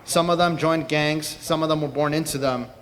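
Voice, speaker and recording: A man's voice: on the high side, steady tone, moderate pace, a bit bright, a little hiss or hum. A young man from Peru giving an earnest personal talk to a convention audience, telling his story with frequent fillers. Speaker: speaker at a convention. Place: convention hall. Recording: distant mic in a reverberant hall.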